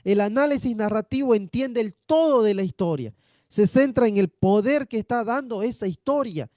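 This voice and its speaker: In a dry, clean studio recording, a man with a high, animated, slightly mellow voice teaches a theology class at a moderate pace. His lecture repeats its points and uses rhetorical questions to check that students follow.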